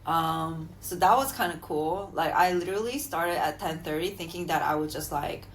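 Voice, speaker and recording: Chatty low-voiced woman co-host. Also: slight background noise, rough recording. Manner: chatty, quick to laugh, trails off with fillers. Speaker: podcast co-host. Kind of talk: casual chat.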